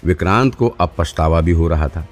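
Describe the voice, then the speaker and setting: A man narrates an audiobook in a steady, storytelling way. His voice sits very low and deep, and faint music plays underneath. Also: normal speed.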